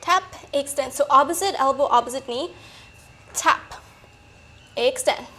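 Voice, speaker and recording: A woman coaching a workout in a peppy, encouraging manner, a little breathy from exertion. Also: high-pitched, a little slow, pushed and bright. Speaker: fitness coach. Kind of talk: workout instruction.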